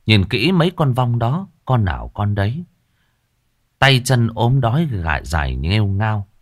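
A man tells a ghost story with dramatic, expressive delivery. His low voice moves through a wide, lively range, and the recording is dry and close. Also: a little slow, no echo.

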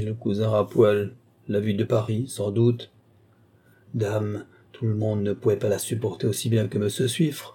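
Mellow-voiced man reading a comic story. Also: mid-range voice, breathy edge. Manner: animated storytelling, voicing the quoted characters. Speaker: reader. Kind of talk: scripted narration of a comic short story.

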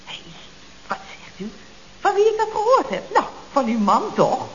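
In a 1970s Dutch radio comedy, an actress plays a chatty, mock-innocent office secretary, delivering her lines in a chirpy, expressive way full of tag questions. Her female voice sits high, moves at a moderate pace, and carries a Netherlands Dutch accent. The old radio recording sounds dull and noisy.

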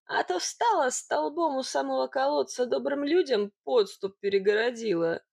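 A woman's voice: high-pitched, normal speed, gravelly, darkish tone, slightly rough, exaggerated voice. A woman voicing a scrawny village man who is first rude and gabbling, then sugary and lovesick.

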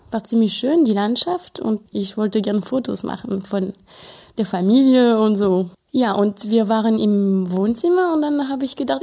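Warm-voiced woman telling an anecdote. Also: fairly high pitch. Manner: lively storytelling. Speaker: interviewee. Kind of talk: personal anecdote.

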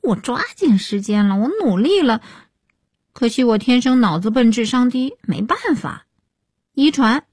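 A sulky teenage girl, muttering low but back-talking in a thin high voice, played by a woman reading a story. The sound is husky and dry. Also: lively intonation, measured pace, a little mellow, no room sound. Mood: sullen. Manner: sullen muttering.

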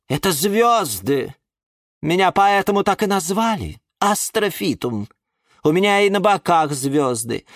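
A man voicing a calm but vain male cactus who takes offence about his looks in a storybook. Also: medium pitch, dry recording, studio quality.

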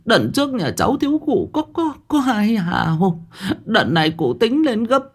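A man's voice: high voice, sing-song, normal speed, pitched above the performer's own voice, exaggerated voice. A man voicing a frail, beaten old village woman who pleads and quavers in a storytelling reading. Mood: pleading. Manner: begging, quavering.

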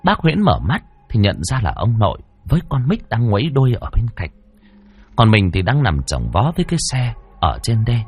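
Husky man telling a ghost tale. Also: fairly low pitch, moderate pace, soft background music. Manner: dramatic, expressive. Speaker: storyteller. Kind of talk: spooky folk tale narration.

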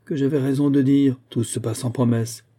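A man's voice: medium pitch, brisk, warm tone, husky, close to an everyday voice. A man voicing a haughty, scornful young aristocratic woman in a storybook reading, with a mocking, disdainful manner.

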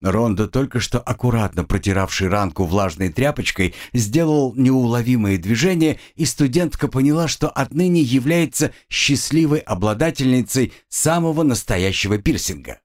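A male audiobook narrator telling a dark story with dramatic flair. His mid-range voice rises and falls in lively, animated contours. The reading is steady yet expressive throughout. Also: medium pitch, moderate pace, hardly any pauses.

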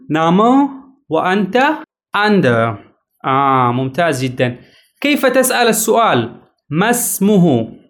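A man teaching vocabulary in a lesson, repeating each word several times in a careful, drawn-out way. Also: high voice. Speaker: language teacher. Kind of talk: slow, repetitive language lesson.

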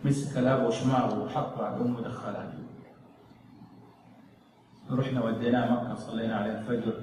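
Impassioned preacher in a hall. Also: male voice, mid-range voice. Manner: impassioned, swinging from loud pleading to hushed. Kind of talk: emotional sermon storytelling. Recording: echoey hall, distant mic, faint noise.

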